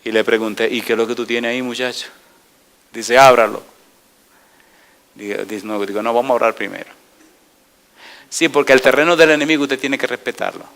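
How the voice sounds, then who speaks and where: A middle-aged man preaching a sermon as a pastor, putting repeated yes-or-no questions to the congregation and telling stories in an animated way, moving between loud and quiet. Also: medium pitch, fairly quick, creaky, long pauses.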